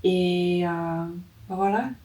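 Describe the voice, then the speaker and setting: A young woman from Vietnam, speaking French with a Vietnamese accent, answers interview questions hesitantly, with many pauses and fillers. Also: on the low side, fairly even intonation, warm tone, far from the mic. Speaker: interview guest, entrepreneur.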